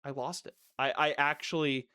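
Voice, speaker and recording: A man streaming a video game and chatting casually, telling a rambling story where he gets worked up and then talks himself calm. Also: fairly high pitch, moderate pace, clean tone. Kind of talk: casual chat while playing a video game.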